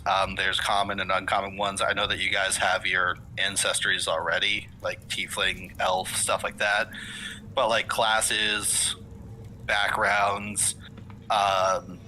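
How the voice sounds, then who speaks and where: Bright-voiced male game master rambling. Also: on the low side, slight background noise, rough recording. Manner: rambling, lots of fillers and self-corrections. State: hiccuping. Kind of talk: casual session-zero chat with players.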